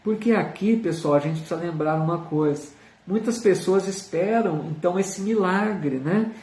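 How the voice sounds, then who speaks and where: A man's voice: sits high, moderate pace, darkish tone. A man with a Brazilian Portuguese accent leading a live online Spiritist study, teaching earnestly with frequent tag questions and reading viewer comments aloud. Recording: roomy sound, speaker far from the mic.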